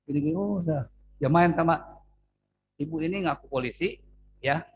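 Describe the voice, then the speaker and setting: High-pitched pastor guy, loud then quiet, faint hum behind. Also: normal speed, lo-fi sound. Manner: swings between loud exhortation and quiet asides. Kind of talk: sermon. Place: church service.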